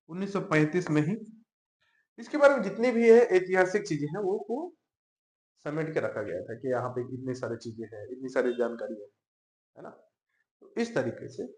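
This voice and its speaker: A man gives a classroom lecture in an easy, conversational way. He keeps checking in with his students through quick questions. His voice sits a little high and rings in a roomy, echoey space. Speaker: teacher. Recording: echoey room.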